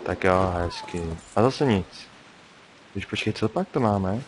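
A man's voice: fairly low pitch, lively intonation, poor audio. A young man giving casual, chatty commentary while playing a game, often muttering to himself. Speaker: gameplay commentator. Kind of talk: casual let's-play commentary. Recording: faint hiss.

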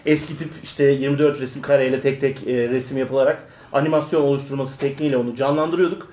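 A man's voice: medium pitch, steady tone, quick pace, darkish tone. A man co-hosting a show, teasing his friends and laughing often in casual banter. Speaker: co-host. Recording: echoey room with faint noise.

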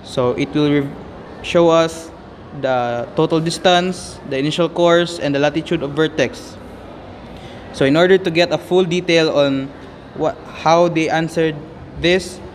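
A man's voice: a little high, fairly even intonation, moderate pace, slight background noise. A young man casually walking through a navigation calculator app, input by input. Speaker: app demonstrator. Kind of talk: screen-recorded app tutorial.

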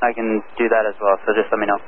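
A man's voice: lowish voice, level tone, fast talker. Male ground controller, tinny staticky radio. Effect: aircraft radio with static. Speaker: ground air traffic controller. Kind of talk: radio taxi instructions. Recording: narrow radio band with faint static.

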